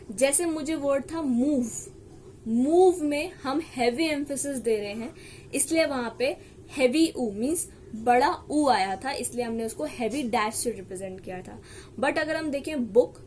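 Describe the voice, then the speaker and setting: A woman teaching shorthand in a slow, explanatory lesson, repeating each example word. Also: sits high, a little mellow, a little hiss or hum. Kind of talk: step-by-step lesson.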